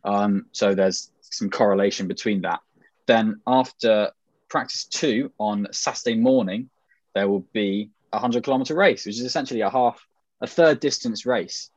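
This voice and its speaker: A man's voice: on the low side, moderate pace, darkish tone, no room sound. Modern British RP man hosting, dry dull recording. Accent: British Received Pronunciation. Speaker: podcast host. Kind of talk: casual podcast presenting.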